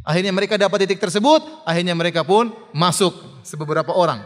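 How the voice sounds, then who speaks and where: A man giving a religious lecture, telling a story in a lively way, with fillers and laughs. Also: high-pitched, fast. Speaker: preacher. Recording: long hall reverb.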